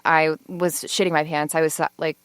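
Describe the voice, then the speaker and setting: Chatty low-voiced young woman. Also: level tone, normal speed, no echo. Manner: chatty, laughs often, many "like" fillers. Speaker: law student guest. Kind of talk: casual podcast interview.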